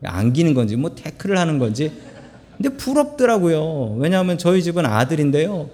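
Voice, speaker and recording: A middle-aged man preaching a sermon, telling stories with humorous asides in an animated way, recorded in a church sanctuary. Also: a little high, fairly quick. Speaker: pastor. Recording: long church hall reverb.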